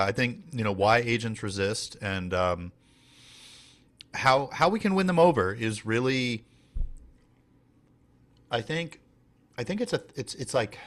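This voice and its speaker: A man's voice: on the low side, fairly bright tone. A man talking through a casual training session with lots of fillers and restarts. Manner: rambling, many fillers and restarts. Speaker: team leader and trainer.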